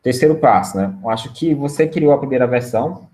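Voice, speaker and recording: A man's voice: mid-range voice, animated, a little fast, mellow. A man from Brazil presenting a sales webinar in a conversational way, tagging his points with a questioning "né?". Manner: conversational, keeps adding a questioning "né?". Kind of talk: casual webinar lecture.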